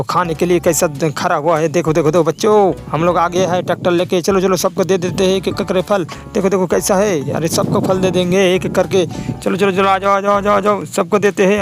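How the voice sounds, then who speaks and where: A man hosting a kids' toy video, narrating with excitement and repeating his exclamations over and over. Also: high-pitched, a little fast. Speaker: host narrating toy play for kids. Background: background music.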